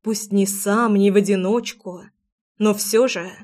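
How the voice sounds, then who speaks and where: A woman narrating a first-person romance audiobook, reading in an expressive, emotive way. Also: mid-range voice, measured pace.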